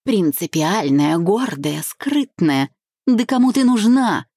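A woman's voice: mid-range voice, animated, measured pace, mellow, no room sound, clean studio sound, voice pushed up. A woman reading an audiobook voices a jealous, spiteful young woman who mocks and shrieks.

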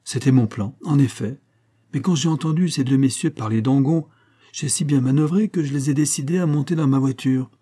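Brief: male reader voicing a nonchalant, persistent young coachman, coaxing tone, warm timbre. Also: mid-range voice, brisk, husky, voice pushed up, lightly acted. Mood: coaxing, cheeky. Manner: coaxing and easy-going.

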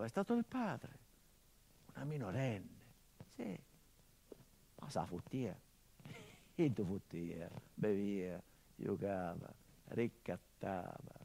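A stage actor uses an exaggerated, creaky, husky voice on the low side to play a middle-aged son in mourning for his murdered father. His theatrical monologue is sardonic and biting, alternating between soft murmurs and fervent outbursts.

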